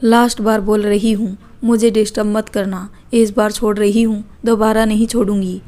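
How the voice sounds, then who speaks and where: A woman's voice: mid-range voice, flat delivery, normal speed, mellow, lightly acted. Woman doing a stern young teacher. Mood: irritated. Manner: curt, scolding.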